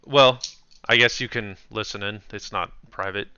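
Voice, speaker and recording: Hard-edged, bright-voiced male tabletop player. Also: lowish voice, normal speed, clean tone, dry recording. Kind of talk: casual in-character game chat. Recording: dull, dry close recording.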